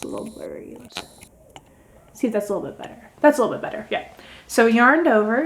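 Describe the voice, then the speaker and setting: A woman hosting a casual crochet tutorial, chatting as she talks through each step. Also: fairly high pitch. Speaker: crochet video host.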